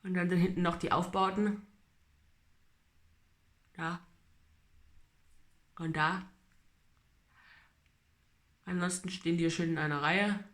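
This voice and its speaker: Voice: mid-range voice, level tone, takes it slowly, pauses often, fairly bright tone. A person talking casually in a personal video diary, speaking with braces in the mouth. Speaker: vlogger giving a personal treatment update. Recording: roomy, echoing home recording.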